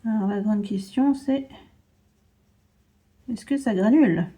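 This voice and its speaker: A woman's voice: mid-range voice, slow pace, mellow. A young woman chatting casually as she unboxes and swatches paints, narrating each step of her hands-on work with small asides. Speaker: art vlogger.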